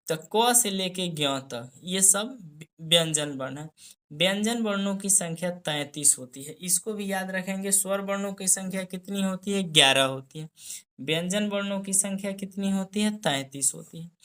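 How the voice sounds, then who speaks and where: A woman's voice: fairly low pitch, a bit bright. A woman teaching a grammar lesson in a patient classroom style, repeating key points and asking the listener questions. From India.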